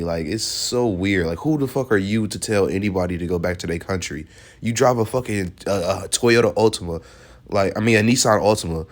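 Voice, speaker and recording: A man with a somewhat low voice talks through a reaction video in a loose, casual way. He is blunt and profane, and he laughs often as he comments.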